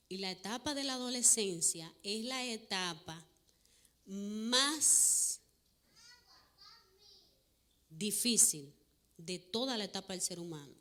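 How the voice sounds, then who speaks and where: A woman giving a church parenting talk to a live audience, preachy, asking questions and answering them herself, acting out quoted voices much higher. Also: sharp tone. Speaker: parenting speaker.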